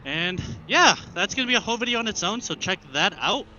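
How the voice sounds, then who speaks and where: Talking from under his helmet, the Arkansas motovlogger, still a new rider, keeps up easygoing, meandering chatter; his voice is high and sharp with lively intonation and a fairly quick pace. Engine and road noise come through the muffled headset mic on his action camera.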